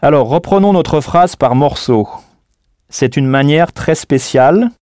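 A man's voice: on the high side, a little slow, a little mellow, no room sound, clean studio sound. A man teaching a scripted audio language lesson, patient and didactic, prompting the listener to answer.

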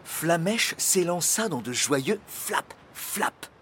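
Slow expressive male storyteller. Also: on the high side, background noise. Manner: expressive, deliberate. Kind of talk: storybook reading.

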